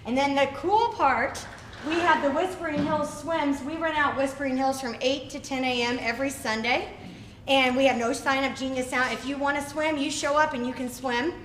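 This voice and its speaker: A woman's voice: high-pitched, fairly even intonation, normal speed. A woman hosting a club meeting, giving casual announcements in a chatty, upbeat way with fillers. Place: running store meeting room. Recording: echoey room, faint noise.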